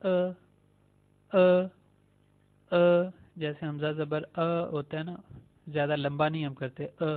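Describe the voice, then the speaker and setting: A man teaches a beginner language lesson at a slow, careful pace, repeating every letter several times. His voice sits a little high and stays flat in tone. The sound is thin and tinny, as if over a phone line. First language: Urdu.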